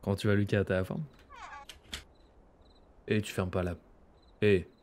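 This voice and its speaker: A man's voice: low-pitched, little pitch movement, a little slow, darkish tone. A man casually commentating a horror game, chatty and joking with slang and asides. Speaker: gaming streamer. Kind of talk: let's play commentary.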